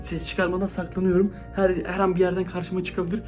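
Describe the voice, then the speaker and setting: A high-voiced man talks quickly and dramatically to his viewers. He swings from loud excitement to hushed whispers. Faint music plays behind him. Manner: breathless and dramatic, often dropping to hushed whispers. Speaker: vlogger. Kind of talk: excited vlog narration.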